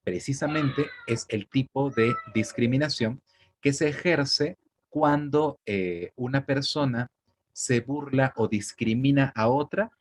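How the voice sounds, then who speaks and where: A man's voice: medium pitch, takes it slowly. A young man, explaining spelling in a patient, conversational way and checking that the listener follows. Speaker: teacher. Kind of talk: spelling lesson.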